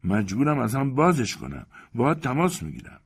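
A man voicing a fussy, excitable male magician who talks high and pushy in a storybook reading. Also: husky, full character voice.

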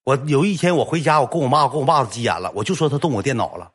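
A young man tells a comic story at a rapid clip. His husky voice swings widely up and down as he acts out every quoted line. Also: medium pitch. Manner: lively, animated, acts out quoted lines.

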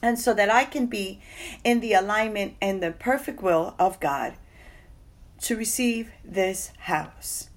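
A woman's voice: mid-range voice, a little slow. A woman sharing a personal testimony in a sermon, telling the story earnestly and quoting others along the way.

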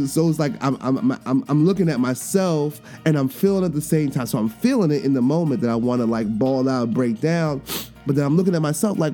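A man in his thirties hosts a casual, candid podcast monologue, his voice sitting a little high with a mellow, soft tone. He tells stories animatedly, acting out little voices and laughing at himself along the way. Faint music plays behind him. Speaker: podcast host.

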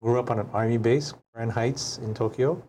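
A man in his sixties from Hawaii, a chef guest telling stories in an unhurried, reflective way in a studio interview. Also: mid-range voice, steady tone, dark tone, a little hiss or hum. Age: 60s. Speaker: chef and restaurant owner guest. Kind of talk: casual interview storytelling.

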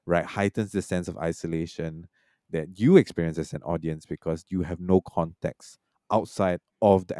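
A man's voice: low-pitched, dark tone, no echo, clean studio sound. A man from Malaysia and Singapore talking casually about a film, rambling with many fillers and restarts.

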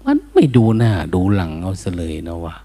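An older male monk delivering a relaxed, informal dharma talk. His voice sits low and sounds dark and mellow, and he chuckles easily between points. He slides into short chanted passages to demonstrate the right tone. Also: fairly quick. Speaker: Buddhist monk.

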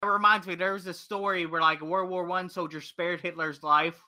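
A man's voice: high-pitched, steady tone, a little fast, pushed and bright. A young man in a casual chat, rambling and swearing offhandedly.

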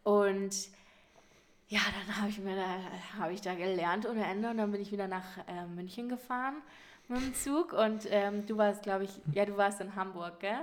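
A young adult woman, a podcast guest, telling a story in casual chat, animated and often laughing as she goes. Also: medium pitch, moderate pace.

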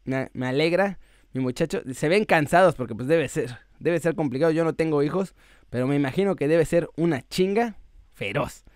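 High-voiced chatty Mexican man. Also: normal speed, a little mellow, no room sound, clean studio sound. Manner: chatty and slangy, addresses viewers as muchachos. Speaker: football news YouTuber. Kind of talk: casual sports vlog.

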